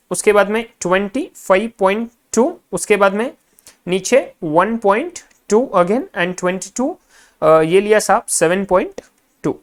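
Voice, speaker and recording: A male finance lecturer in a recorded class, adding up figures aloud half to himself and coaching students directly. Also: sits high.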